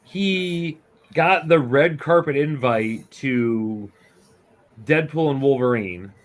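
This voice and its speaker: A man speaking as a podcast guest in relaxed, chatty casual conversation. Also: medium pitch, slow pace. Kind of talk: casual chat.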